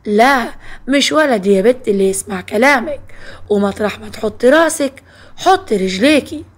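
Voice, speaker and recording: A woman's voice: on the high side, animated, moderate pace. A woman voicing a stern, controlling mother-in-law with an Egyptian accent who scolds and gives orders. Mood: scolding. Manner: scolding, commanding.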